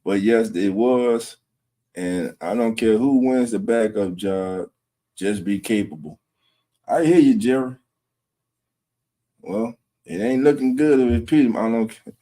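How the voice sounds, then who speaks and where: Slow-talking low-voiced man hosting a fan stream. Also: mellow. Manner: laid-back, chuckling, greets viewers by name. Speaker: host of a fan sports livestream. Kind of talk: casual livestream talk, reading chat. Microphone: streaming setup.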